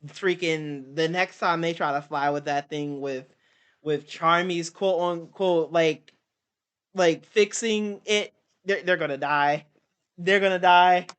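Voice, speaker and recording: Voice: mid-range voice, takes it slowly, a bit bright, smooth. A young adult streamer chatting casually in a slangy, repetitive, exclamatory way. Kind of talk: casual reaction chat.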